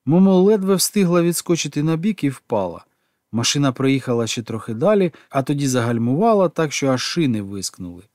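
A man narrating an audiobook in an expressive, animated way. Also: medium pitch, brisk, no room sound, clean studio sound.

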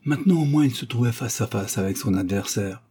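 A man narrating a detective novel in a measured, dramatic reading. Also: mid-range voice, warm tone, slightly rough. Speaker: audiobook narrator.

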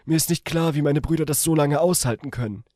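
A man voicing a shy, gentle young woman in a strained high falsetto, speaking softly like a lover in a read-aloud story. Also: fast, no echo, studio quality, close to an everyday voice. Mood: tender.

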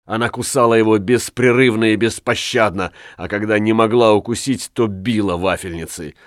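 A man's voice: lowish voice, moderate pace, dry recording, clean studio sound. A man narrating a folk tale audiobook with dramatic storytelling.

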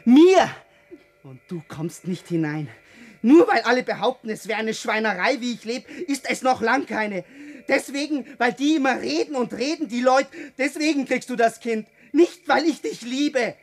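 A man's voice: very high-pitched, moderate pace. A man playing a cold, defiant young village man in a radio play, curt and harsh. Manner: curt, cold, turning to shouting.

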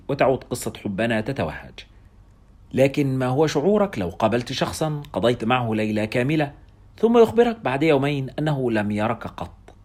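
A man voicing a soft-spoken, insistent young African woman who reproaches a lost lover, in an audiobook reading with a husky tone. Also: mid-range voice.

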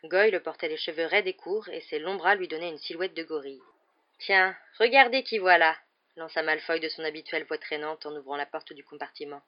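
A woman narrating an audiobook in a steady, measured reading voice, in a dull lo-fi recording. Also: deep voice. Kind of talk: scripted narration.

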